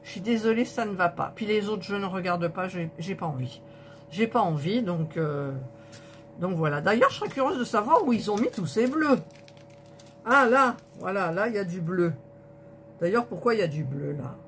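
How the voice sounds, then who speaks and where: A woman's voice: medium pitch, expressive, brisk, slight background noise. A woman vlogger unboxing a diamond painting kit, indignant and disappointed, counting colour numbers aloud to her viewers. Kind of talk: unboxing vlog, talking to viewers.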